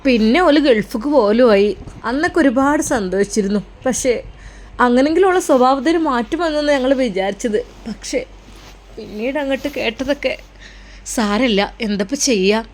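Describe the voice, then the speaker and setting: A woman's voice: on the high side, normal speed, a little mellow, natural voice. A woman playing a plaintive Malappuram mother. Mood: sorrowful. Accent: Malappuram Malayalam. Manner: plaintive, complaining. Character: sorrowful middle-aged mother, lamenting her daughter.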